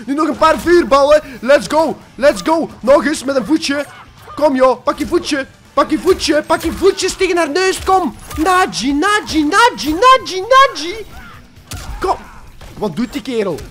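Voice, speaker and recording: A young Flemish man, a bit sick, joking and shouting through his gaming commentary. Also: very high-pitched, normal speed. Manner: joking, excitable, shouts during fights. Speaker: gaming YouTuber.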